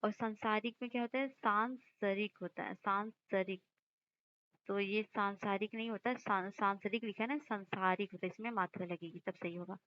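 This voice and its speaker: A woman teacher going through exam questions, explaining each answer and slowly repeating words to stress their spelling. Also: mid-range voice, fairly even intonation, muffled recording. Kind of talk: exam-prep lesson.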